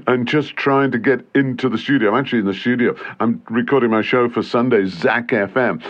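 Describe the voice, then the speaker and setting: A man's voice: mid-range voice, fairly quick, a bit bright. A man who presents radio, leaving a rambling, self-pitying comic voicemail monologue. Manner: self-pitying, complaining, refers to himself by name. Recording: slightly dull, lo-fi voice message.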